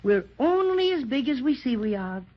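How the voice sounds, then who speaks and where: A woman's voice: high-pitched, very animated, normal speed. A woman doing a chatty teddy bear. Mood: cheerful, chatty. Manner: chatty, folksy phrasing with throat-clearing and "to be sure". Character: small cheerful male teddy bear, chatty and boastful. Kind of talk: 1930s children's radio drama. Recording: dull 1930s radio transcription.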